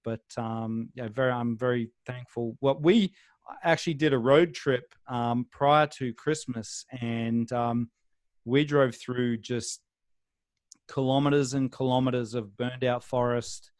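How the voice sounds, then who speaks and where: An Australian man, a guest on a video call interview, talking in a relaxed, rambling way with many pauses and restarts. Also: medium pitch, no room sound.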